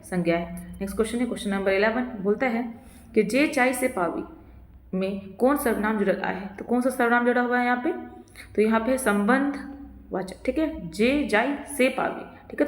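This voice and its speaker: A woman with a Jharkhand accent teaching an exam-prep lesson. She reads each question slowly, then answers it herself, often adding "theek hai". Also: mid-range voice. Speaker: exam tutor. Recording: echoey roomy reverb.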